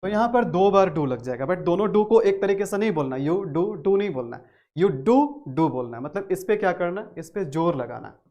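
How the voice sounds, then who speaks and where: A man's voice: high-pitched, animated, moderate pace, hardly any pauses, darkish tone. A man with a Hindi accent teaching a spoken English grammar lesson, repeating key phrases and stressing words hard.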